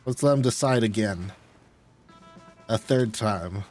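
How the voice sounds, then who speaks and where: Soft music plays behind an American male streamer who chats casually and rambles while gaming. His voice is lowish and darkish in tone, and he speaks slowly.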